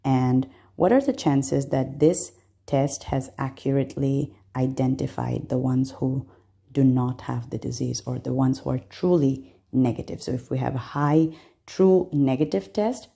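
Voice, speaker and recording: A woman's voice: very deep voice, gravelly, mellow. A woman from Bangladesh, a medical student walking through exam concepts step by step, patient, with frequent fillers.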